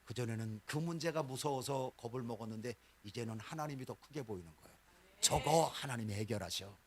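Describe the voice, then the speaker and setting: A man preaching a sermon in a church. He talks in loud, high bursts that drop to quiet, low lines. He also acts out the voices of believers and of God. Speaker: pastor.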